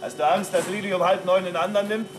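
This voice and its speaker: An actor as a teasing trucking boss. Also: male voice, high-pitched, fairly even intonation, quick pace, close to an everyday voice. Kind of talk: 1960s TV drama acting. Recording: old TV soundtrack with loud truck noise.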